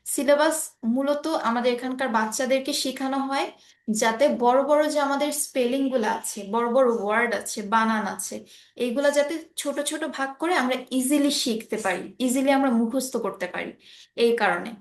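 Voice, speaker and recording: Woman teacher, high voice, patient and keeps checking in, echoey room sound. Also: moderate pace. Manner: patient, often checking understanding. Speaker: English teacher. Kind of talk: online class explaining English grammar. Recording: roomy echo.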